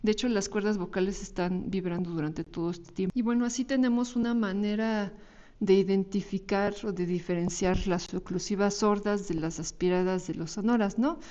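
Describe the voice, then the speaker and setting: A woman's voice: medium pitch, moderate pace, mellow, highs cut off. A woman with a Mexican Spanish accent giving a recorded university lecture over slides, explaining patiently and often checking in with tag questions. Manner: explanatory, frequent tag questions and small restarts.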